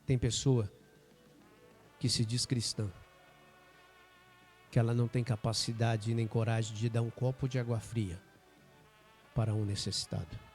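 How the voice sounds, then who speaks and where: A man with a Brazilian Portuguese accent, a pastor telling a story in a sermon with emphatic, dramatic pauses. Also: mid-range voice, flat delivery, darkish tone, soft background music.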